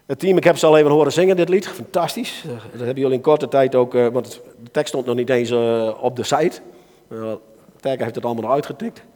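A man with a Dutch accent preaching a sermon to a church gathering, swinging between soft asides and loud calls to his listeners. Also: medium pitch, brisk. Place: church hall. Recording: reverberant hall.

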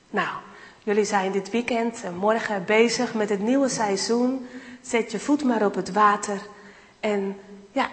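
A woman giving an enthusiastic guest sermon, acting out Bible dialogue as she speaks. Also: mid-range voice. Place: church hall. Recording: reverberant hall.

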